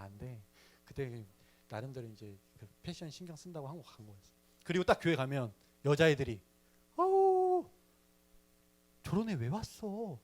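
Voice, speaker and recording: A young man telling his personal faith story in a sermon to a youth service, chatty and playful with the audience. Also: on the high side. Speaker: youth ministry speaker.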